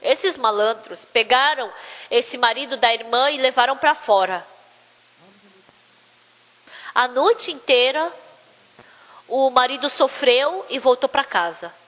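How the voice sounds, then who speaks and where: A woman's voice: sits high, takes it slowly, long pauses. A woman telling a story as part of a sermon in a church, acting out the quotes with energy. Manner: lively, acts out quotes. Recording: long church hall reverb.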